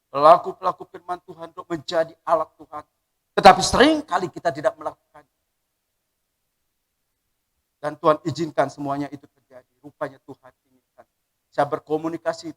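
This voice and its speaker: Male pastor, high voice, emotional testimony sermon, loud emphasis and soft slow passages. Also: rough recording. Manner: emotional, shifts between loud emphasis and hushed, slow speech.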